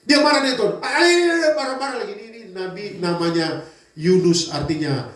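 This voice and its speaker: A male pastor preaching a sermon in a lively way, throwing out rhetorical questions to the congregation. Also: high-pitched, a little fast. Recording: echoey church hall from far off.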